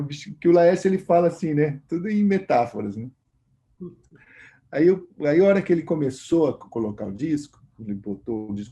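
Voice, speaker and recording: A man's voice: fairly high pitch, vocal fry, warm tone. A Brazilian man, a guest musician, telling a long rambling anecdote in a casual interview. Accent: Brazilian Portuguese. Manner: rambling anecdotal, many fillers.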